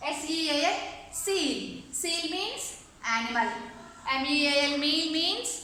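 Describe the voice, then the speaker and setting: A woman's voice: high-pitched, expressive, unhurried, bright, forceful tone, very echoey, slight background noise. A woman English teacher giving an online lesson, spelling words letter by letter and explaining them patiently, often checking whether the class has understood. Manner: mixes English words into her teaching, asks the class questions.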